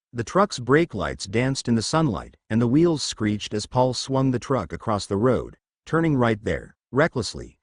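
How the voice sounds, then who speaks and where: A man narrating a first-person fan fiction story in an expressive storytelling manner. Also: medium pitch, no echo, studio quality.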